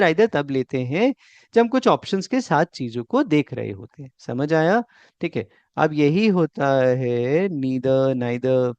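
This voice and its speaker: A man teaching spoken English, drilling English phrases slowly and checking often whether students follow. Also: on the high side, a little mellow, no echo. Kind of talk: bilingual Hindi-English lesson. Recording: dull, dry lo-fi sound.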